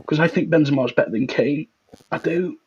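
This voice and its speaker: A man's voice: a little high, brisk, a little mellow, a little hiss or hum. A man chatting casually about football as co-host, joking and trailing off. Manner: laid-back, jokey, trails off. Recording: dull lo-fi stream mic.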